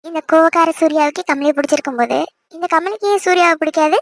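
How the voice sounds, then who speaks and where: A very high-pitched woman's voice, recorded cleanly in a studio with no room sound, moves at a quick pace. She's acting a cartoon part as a shy, teasing newlywed wife, affectionate and coyly objecting.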